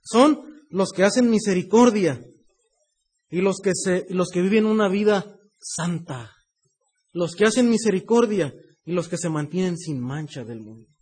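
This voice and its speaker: A man's voice: high voice, unhurried, a little mellow, husky. A man preaching a sermon in a conversational way, often adding "right?" and addressing the listener as brother. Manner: conversational preaching, often tagging "¿verdad?" and "hermano".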